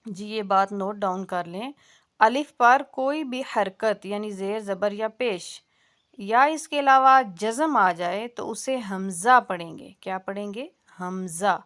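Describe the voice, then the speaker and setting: A woman's voice: medium pitch, a bit bright. A woman teaching a Quran recitation lesson, patiently drilling syllables and checking that her students follow. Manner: patient, repeats sounds slowly and checks understanding.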